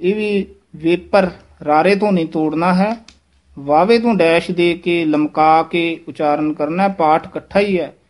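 A man teaching the correct pronunciation of scripture, slowly repeating and demonstrating each word. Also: a little high. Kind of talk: pronunciation lesson.

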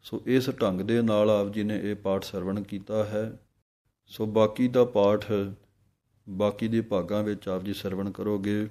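A man leads a careful scripture recitation lesson in a low, mellow voice. He chants each line slowly and then spells out the letters and vowel marks. His delivery stays even and unhurried throughout. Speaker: Gurbani pronunciation teacher. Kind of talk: santhya lesson, slow chanted recitation with explanations.

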